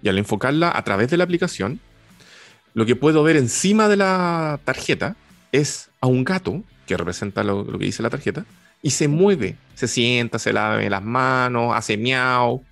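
A man's voice: medium pitch, expressive, normal speed, creaky, a bit bright, dry recording, soft background music. A man hosting an interview, curious and enthusiastic as he asks questions. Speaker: host. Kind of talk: casual interview chat.

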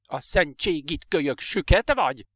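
A man reading a story aloud, voicing an angry, stout deputy headmaster who shouts orders. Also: fairly high pitch, expressive, no echo, studio quality, pitched above the performer's own voice. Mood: angry shouting.

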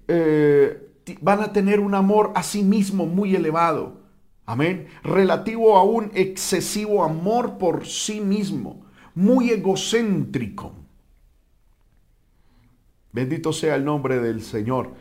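A man teaching a Bible class in sermon style, peppering his talk with "amen" and "brother" and stumbling over restarts. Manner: repeats "amén" and "hermano", stumbles and restarts often; emphatic on key words, drops low and soft on solemn points.

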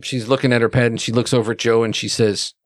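A man's voice: medium pitch, little pitch movement, no room sound. Give me a man game master narrating a tabletop game, dry and close-miked. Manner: voices many characters, halting with fillers.

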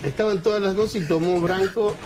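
A man with a Rioplatense accent telling a lively story among friends, animated and laughing as he goes. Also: sits high, brisk. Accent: Rioplatense Spanish.

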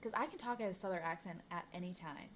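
A woman's voice: on the low side, quick pace, slight background noise. A young woman co-hosting a casual podcast chat, giggly and self-deprecating, laughing often. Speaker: podcast co-host.

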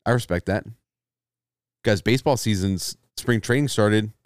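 Man, podcast co-host, laid-back teasing banter, smooth voice, dry close mic. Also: fairly low pitch, normal speed, no echo. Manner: laid-back, teasing, says dude a lot. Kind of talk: casual banter.

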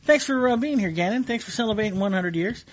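A man hosting a podcast in casual chat, giving rambling, halting introductions packed with fillers. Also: high-pitched. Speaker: podcast host. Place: comic book store.

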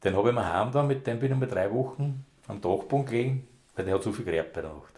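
A man's voice: mid-range voice, lively intonation, fast, darkish tone. A man, a former rescue dog handler, telling long rambling anecdotes in broad dialect in a casual interview.

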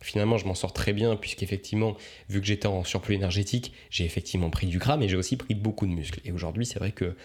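A man's voice: deep voice, fairly even intonation, fast talker, darkish tone. A young man, a coach, musing aloud in a casual podcast monologue, rambling and reflective with many fillers and restarts.

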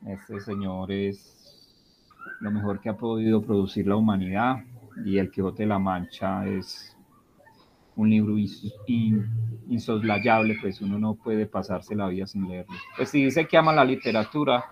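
Man teacher, low gravelly voice, emphatic and enthusiastic, dull lo-fi audio. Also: fairly even intonation, unhurried, a little hiss or hum. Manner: emphatic, enthusiastic about books, laughs often. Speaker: literature teacher, guest. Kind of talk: conversational interview.

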